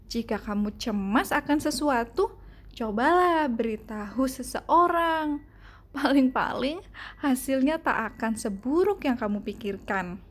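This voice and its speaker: Woman, children's story read-aloud, high voice, slow and gentle. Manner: slow, gentle, expressive reading. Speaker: storybook reader.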